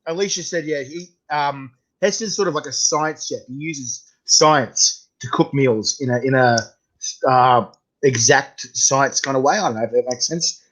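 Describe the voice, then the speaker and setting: A man's voice: mid-range voice, moderate pace. A man with a broad Australian accent hosting a casual interview, chatting in a matey, slangy way. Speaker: host interviewing a guest. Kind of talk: casual chat. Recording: dull, lo-fi sound.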